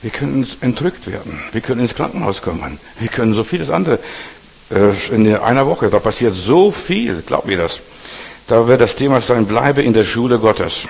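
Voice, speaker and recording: A male preacher with a husky voice giving a blunt, exhorting sermon to his congregation; German is not his first language. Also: mid-range voice, sing-song, moderate pace, a little mellow. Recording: long hall reverb.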